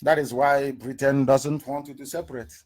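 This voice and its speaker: A man's voice: medium pitch, little pitch movement, normal speed, a little mellow. A middle-aged man giving an impassioned political address, firing off rhetorical questions and repeating words for emphasis. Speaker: political broadcaster.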